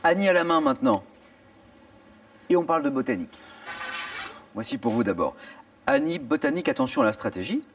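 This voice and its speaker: Hosting a studio quiz show on television, this man reads clues with theatrical flair and cheers on contestants, animated and exclaiming. His voice is fairly high and fairly quick, with vocal fry and long pauses. Theme music and a studio audience sit in the background, and he's captured from a distance.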